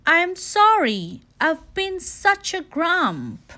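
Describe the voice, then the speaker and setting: A woman's voice: very high-pitched, wildly swooping pitch, drawn-out words, sharp tone, voice pushed up, exaggerated voice. A woman voicing a grumpy, complaining young male lobster in a storybook, with a sulky, disgruntled way of talking. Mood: cheerful.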